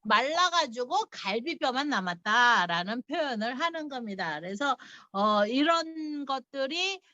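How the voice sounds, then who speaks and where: A middle-aged woman teaching a casual language lesson, chatty and quick to laugh, explaining things step by step. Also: sits high, lively intonation, sharp tone, no room sound, dull audio.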